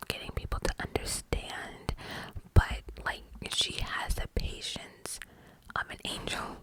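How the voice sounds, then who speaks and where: Close-up cupped-hand ASMR whisper, breathy and rambling. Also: rough recording. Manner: informal, rambling, conversational. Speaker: ASMR host answering questions. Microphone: very close to the microphone.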